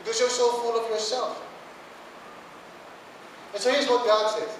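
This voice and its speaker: High-voiced Filipino pastor in echoing church. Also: male voice, level tone, unhurried, a little hiss or hum. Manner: switches between English and Filipino, acts out quoted voices. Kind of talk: sermon. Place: church hall. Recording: very echoey hall, mic far off.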